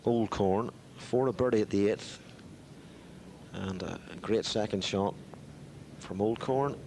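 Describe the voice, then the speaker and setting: Low-voiced male golf commentator, noisy background. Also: takes it slowly, a little mellow. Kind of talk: live television golf commentary.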